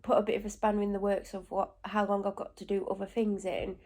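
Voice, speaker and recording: Medium-pitched and a little mellow, with little pitch movement, this vlogger's voice is stuffy and congested from a cold. She rambles about her morning in a casual video at home, tossing in quick asides and correcting herself often.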